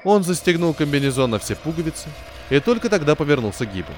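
A man narrating an adventure novel with expressive, varied intonation. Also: a little high, fast talker, slight background noise. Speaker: audiobook narrator. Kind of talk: scripted narration. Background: soft music.

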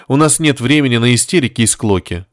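A man voicing a stern female spaceship commander who gives orders in a measured, firm way, slightly raised in pitch. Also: expressive, no room sound, clean studio sound, natural voice. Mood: commanding.

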